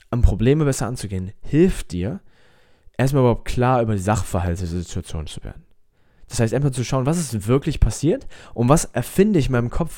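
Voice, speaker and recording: Male self-help coach, mellow and lowish, American accent in German, emphatic direct address. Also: no echo, studio quality. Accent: American-tinged German. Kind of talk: motivational talk to viewers.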